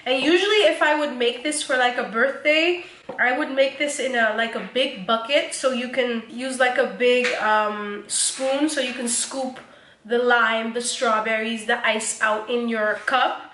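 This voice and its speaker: A young woman chats her way through a home cooking vlog, joking, laughing and swearing as she goes. Her voice is high and bright. The kitchen sounds echoey, with faint background noise. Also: steady tone, a little slow. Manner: chatty, joking, laughs often, casual swearing. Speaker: vlogger.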